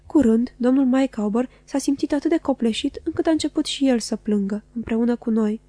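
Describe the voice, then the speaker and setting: A woman narrating a classic novel as an audiobook in a measured, expressive reading. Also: on the high side, no echo.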